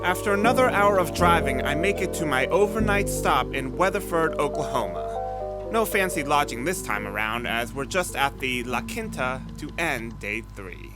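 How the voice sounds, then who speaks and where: A man's voice: fairly high pitch, expressive, moderate pace, over loud music. A man reading scripted travel narration for a road trip vlog.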